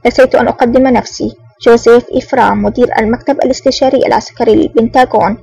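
A woman reading an elegant, smug and menacing man with a smooth, sly manner in an audiobook. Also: a little high, steady tone, racing, warm tone, dull audio. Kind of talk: audiobook narration.

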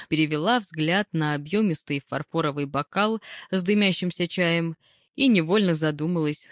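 Woman, lower voice, first-person narration, wry, expressive, dry. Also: no echo. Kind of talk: first-person audiobook reading.

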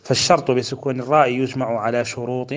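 A man's voice: mid-range voice, steady tone. A man from Mauritania, teaching a religious lesson by explaining a poem line by line. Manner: slow measured chanting of verse, then brisk explanation. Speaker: Islamic scholar teaching a text.

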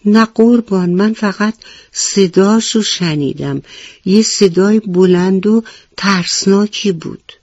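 A woman's voice: deep voice, expressive, darkish tone, no echo, muffled recording. A woman voicing a timid, jumpy little rabbit who panics easily and talks in frightened pleading. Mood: fearful.

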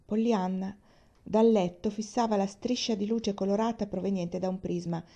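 A woman reading a children's novel aloud in a calm, measured way. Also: mid-range voice. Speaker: reader. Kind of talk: audiobook narration.

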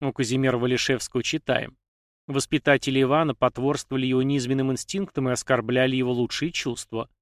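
Male narrator for a dark history reading, mid-pitched, steady, dry close sound. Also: fast talker, dry recording. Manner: even, steady reading with dramatic emphasis.

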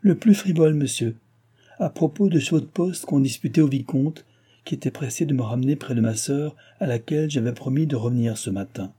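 A man voicing an excitable, tearful young noblewoman who talks in an insistent way. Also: medium pitch, fairly quick, slightly rough, pitched above the performer's own voice, natural voice. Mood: upset.

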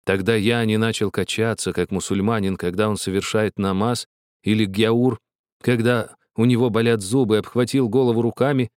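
A man reading a story aloud in a steady, wry narrating manner. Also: on the low side, normal speed, no room sound, clean studio sound. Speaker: audiobook reader. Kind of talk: scripted narration.

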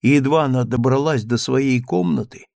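Gravelly male audiobook narrator. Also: medium pitch, moderate pace, no echo, clean studio sound. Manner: steady storytelling reading.

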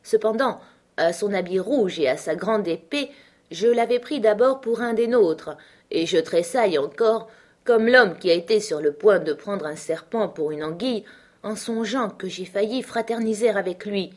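A woman's voice: medium pitch, normal speed, voice pushed up, lightly acted. A woman reading aloud, voicing an arrogant young male musketeer who sneers at commoners. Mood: haughty sneering. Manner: haughty, sneering.

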